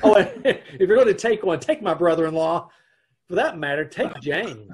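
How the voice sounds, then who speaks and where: Recorded through a video call, this middle-aged man has a high-sitting, expressive voice and normal speed. He narrates wryly in the role of an exasperated husband in an old-time radio comedy who cracks jokes about his troubles.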